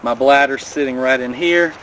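A man in his thirties talks through hiking gear in a friendly, practical way, standing by a river in a mountain valley. The camera sits a few steps off, and clear outdoor noise runs behind his voice. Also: mid-range voice, normal speed, a bit bright, rough recording. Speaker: vlogger. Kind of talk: casual outdoor gear rundown. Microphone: camera a few steps away.

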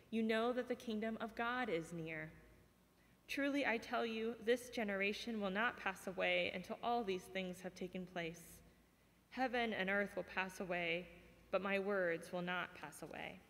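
A woman's voice: mid-range voice, fairly bright tone. Lady doing a scripture reading at church, medium voice, big echoey hall. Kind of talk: gospel reading in a church service. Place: large church sanctuary. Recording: long church reverb.

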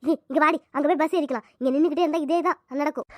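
A woman's voice: high-pitched, fairly even intonation, racing, no room sound, clean studio sound, close to an everyday voice. A woman voicing a bossy, stubborn village mother-in-law who scolds and commands in a cartoon.

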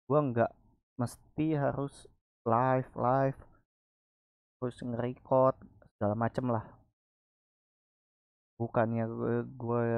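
A man with a Jakarta Indonesian accent gives a casual tutorial at a slow pace. He has a speech quirk that softens his r's, so they never roll. The recording is dull and lo-fi, with a dry, close sound. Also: mid-range voice, no room sound. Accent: Indonesian, Jakarta colloquial. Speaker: tutorial presenter. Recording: dull, lo-fi microphone.

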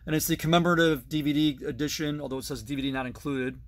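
Speaking fast in a steady, slightly high voice, a man in his thirties tours his toy collection in chatty detail. The setting is an indoor basement full of toys, recorded on a phone camera held at arm's length.

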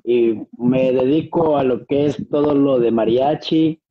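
A young Peruvian man, a guest singer, answers interview questions politely and hesitantly over a webcam from a small room at home. He has a mid-range voice, a Peruvian Spanish accent, and speaks a little slowly. The video-call audio sounds dull and dry.

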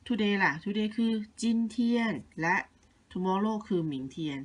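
A middle-aged woman teaching young children, reading out words for a listening test and then patiently going over the answers. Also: medium pitch. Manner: slow, patient, repeats each word twice, stretches out sounds; coaxing and motherly toward the children.

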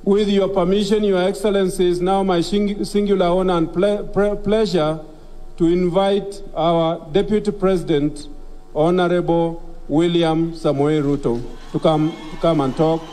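A middle-aged man introducing a speaker at an outdoor stadium microphone. His voice is mellow and slightly high for a man. He talks deferentially and trips over his words now and then. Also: fairly even intonation, normal speed. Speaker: master of ceremonies. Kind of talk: ceremonial introduction. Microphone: podium microphone on a stand.

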